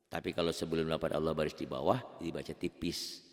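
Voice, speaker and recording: A man teaching beginners Quran recitation rules in a casual, chatty way, chanting slow drawn-out examples. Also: a bass voice, level tone, big-room sound. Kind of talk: online tajwid lesson for beginners.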